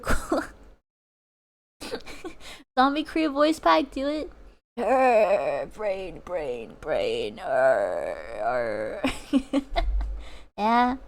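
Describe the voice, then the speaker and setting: Casting: young woman as a giggly art streamer, high voice, unhurried talk. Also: gravelly. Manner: giggly, reads out chat. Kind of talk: casual livestream chat while drawing.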